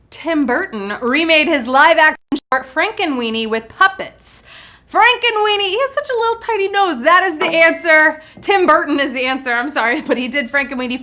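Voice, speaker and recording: Hosting a live trivia game show over faint background music, a woman speaks in a high-pitched, pushed, bright voice. She's bubbly, makes jokes and puns, and addresses the players in the chat.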